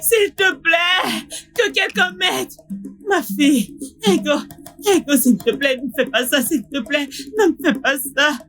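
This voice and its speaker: A woman's voice: high-pitched, normal speed, soft background music, natural voice. A woman playing an indignant scolding mother. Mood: panicked. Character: scolding middle-aged village mother.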